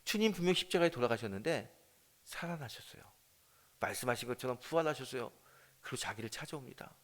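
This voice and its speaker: A male senior pastor preaches a dawn prayer sermon in a church sanctuary. He tells the story dramatically, swinging from loud outbursts to hushed lines. His voice sits at an ordinary middle pitch. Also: animated, fast.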